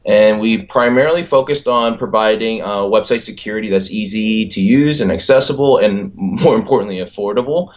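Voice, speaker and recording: Guest: thirties man, low-pitched, relaxed, heard over muffled call audio. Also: brisk, hardly any pauses. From Philadelphia, United States. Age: 30s. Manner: laughs often, relaxed with fillers. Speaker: guest, company executive. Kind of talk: casual interview over a video call. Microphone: video call.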